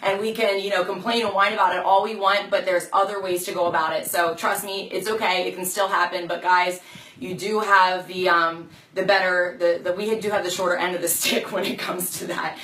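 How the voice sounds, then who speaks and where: A woman with a hoarse, fading voice, chatting casually and encouragingly to viewers as a fitness coach on a live video. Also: lowish voice, flat delivery, a little fast, a bit bright. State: hoarse, losing her voice. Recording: echoey room, distant mic, some noise.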